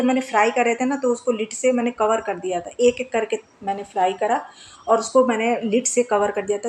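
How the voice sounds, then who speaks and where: A woman's voice: medium pitch, a little mellow, a little hiss or hum. A woman in her thirties chatting casually in a home vlog, talkative and laughing often. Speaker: home vlogger.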